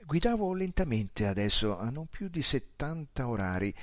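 A man reading a story aloud in the first person, with calm, measured narration. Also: medium pitch, dry recording, studio quality. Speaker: audiobook narrator.

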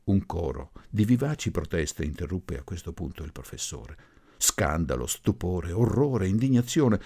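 A man reading a literary story aloud, narrating in an expressive, measured way. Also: low voice, vocal fry, slightly rough. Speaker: audiobook narrator.

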